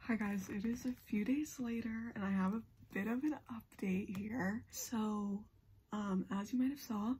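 A woman's voice: mid-range voice, measured pace, mellow, a little hiss or hum. A woman vlogger chatting casually and gushing to her viewers, with plenty of likes and ums. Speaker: book vlogger. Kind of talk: casual chat.

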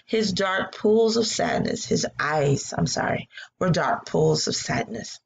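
Speaking slowly in a fairly low, gravelly voice, a woman reads aloud to her class from her living room via a close-up laptop webcam. She's animated and encouraging throughout, offering praise whenever students answer.

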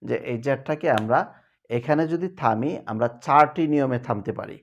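A man teaching Quran recitation rules in a televised lesson, explaining step by step and chanting verses slowly as examples. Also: mid-range voice, muffled recording.

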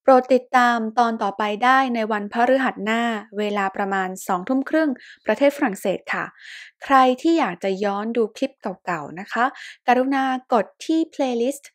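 A woman from Thailand gives a French pronunciation lesson in a fairly high voice. She says each word slowly and repeats it with patience, in a polite, gentle teaching tone. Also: expressive. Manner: slow, patient word-by-word repetition.

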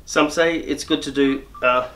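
A man's voice: mid-range voice, steady tone, a little slow, a bit bright. Middle-aged male barber, mid-range voice, hands-on instructional patter with lots of self-corrections, recorded on a lapel mic in a shop. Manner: explains while working, frequent restarts and repeated words. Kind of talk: step-by-step grooming demonstration.

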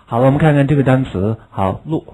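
Mellow-voiced male teacher drilling vocabulary. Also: medium pitch, low-quality recording. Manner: drills words by repeating them slowly several times; patient, explains with many rhetorical questions. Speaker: English teacher. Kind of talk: recorded video lesson.

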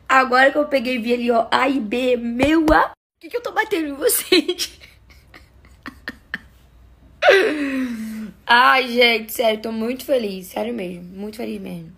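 A woman's voice: on the high side, a little slow, vocal fry, pauses often, a bit bright, breathy edge. A young woman from Brazil talking casually to her phone in story clips, gushing and emotional, laughing often. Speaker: vlogger.

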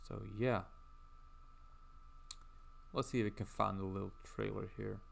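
Gravelly-voiced guy rambling on his drawing stream, chatty, talks to chat. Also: lowish voice, steady tone, a little slow, a little hiss or hum. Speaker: livestreamer.

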